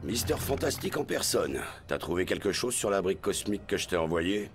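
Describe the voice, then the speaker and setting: A man's voice: sits low, very animated, fairly quick. An actor voicing a stern, commanding male spy agency director in a French video game dub, issuing curt orders. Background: game music.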